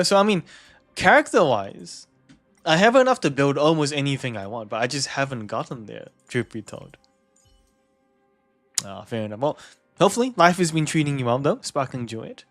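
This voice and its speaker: A man's voice: mid-range voice, vocal fry, a bit bright. A young man with a New Zealand accent chatting casually with stream viewers, easygoing, chuckling often and repeating words. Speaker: game streamer.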